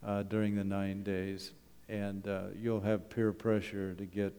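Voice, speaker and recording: A middle-aged or older Canadian man, principal of a wilderness school, gives a folksy, humorous talk with slides to a church congregation in a church hall, often asking rhetorical questions. His lowish voice is flat, unhurried, dark, clear and resonant. The hall is echoey with long reverb.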